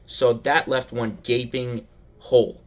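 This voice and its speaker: Animated young man ranting about basketball. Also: medium pitch, takes it slowly. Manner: animated, dramatic storytelling with rhetorical questions. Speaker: sports video host. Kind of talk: casual opinion monologue.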